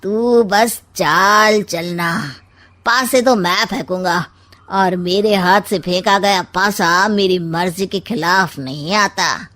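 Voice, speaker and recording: Woman doing a smug scheming old uncle, cartoon comedy, slow sarcastic drawl. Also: mid-range voice, a bit bright. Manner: sardonic, drawn-out rhyming delivery. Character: scheming, sly, smug maternal uncle, older man. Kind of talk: comic cartoon story acting.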